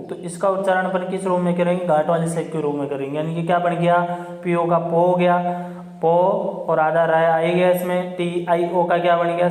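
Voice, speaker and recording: A man's voice: high-pitched, darkish tone. A man teaching English phonics to children, spelling words out letter by letter and asking and answering his own questions. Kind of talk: spoken lesson on English phonics. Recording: roomy echo with long reverb.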